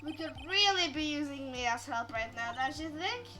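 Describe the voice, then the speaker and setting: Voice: high-pitched, expressive, normal speed, heavy background noise. A player voicing an earnest young male defense attorney in a plain, everyday voice.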